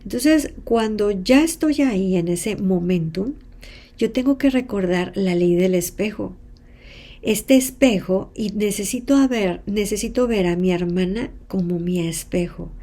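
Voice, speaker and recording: A Mexican woman talks through a self-help lesson in a mellow, warm voice at a middle pitch. She tells her examples expressively, voicing the people she quotes and sometimes sinking to a whisper. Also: a little slow. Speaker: hypnotherapist and self-help teacher. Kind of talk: teaching talk with role-played examples.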